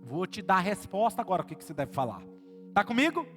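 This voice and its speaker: A man's voice: sits high, big pitch swings, fast talker, long reverb tail. A man with a Brazilian Portuguese accent, a pastor preaching a sermon to a live congregation in a conversational way, throwing questions at the crowd. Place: church service before a live congregation. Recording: live sermon with loud music behind.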